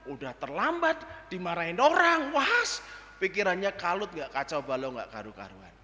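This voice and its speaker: Animated male preacher in echoing church. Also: sits high, normal speed. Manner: animated, acts out dialogue and sound effects. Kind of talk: storytelling sermon. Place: church hall. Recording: reverberant church hall.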